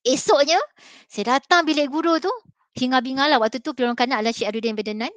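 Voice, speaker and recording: A quick-paced, high, fairly bright female voice with no room sound belongs to a middle-aged Malaysian maths teacher. On a school panel, she offers a motivational talk drawn from her own experience, earnest and full of fillers in her Malay accent.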